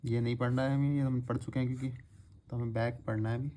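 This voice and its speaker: A man teaching shorthand step by step, slowly drawing out words to show their sounds. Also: mid-range voice, flat delivery, dark tone, slight background noise. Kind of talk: step-by-step lesson.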